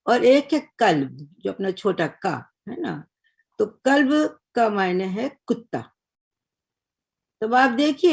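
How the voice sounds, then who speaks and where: An older woman giving a lecture on Urdu, explaining patiently and measured, often checking in with her listeners. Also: medium pitch, gravelly, a little mellow, husky. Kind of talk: recorded lecture.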